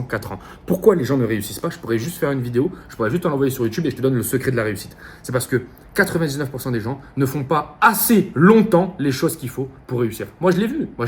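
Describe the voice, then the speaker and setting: Fast-talking French motivational vlogger man. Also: mid-range voice. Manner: fast, insistent, repetitive, slangy and profane. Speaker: online business coach. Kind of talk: motivational monologue to camera.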